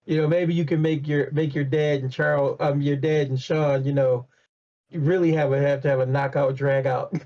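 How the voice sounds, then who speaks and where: Co-host guy, rambles and restarts a lot, kinda high voice, dull muffled mic. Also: flat delivery, normal speed, dark tone. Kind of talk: casual chat.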